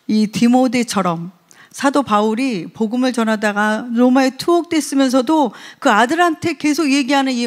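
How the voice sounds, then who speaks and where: A woman preaching a sermon in a conversational way, often putting questions to the congregation. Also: fairly high pitch.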